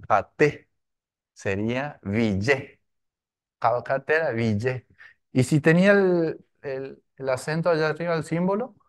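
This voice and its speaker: A man teaching a language class, going slowly and checking often that his students follow. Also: fairly low pitch. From Argentina. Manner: slow, repetitive, with frequent tag questions.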